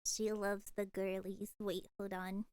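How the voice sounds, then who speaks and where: This young woman VTuber reacts to chat on a casual stream with bubbly enthusiasm, lots of giggles, and repeated words. Her voice is medium-pitched and level, a little mellow and clean, delivered slowly with no echo.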